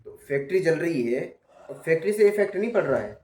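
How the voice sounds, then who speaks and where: A man's voice: fairly high pitch, expressive, fast talker, a little mellow. A man teaching a class who gives patient, step-by-step feedback and often checks that he has been understood. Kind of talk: spoken feedback in a class session. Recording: roomy echo.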